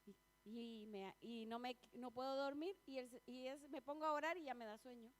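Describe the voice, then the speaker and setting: A woman with a high-sitting voice preaches in a church at a moderate pace. Her sermon is chatty and personal, with frequent questions to the congregation and laughter between points.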